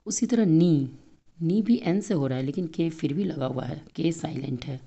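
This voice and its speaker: Low-voiced Indian woman teaching a class. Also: dark tone, breathy edge, dull audio. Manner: explains step by step, repeats words slowly. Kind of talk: textbook lesson for children.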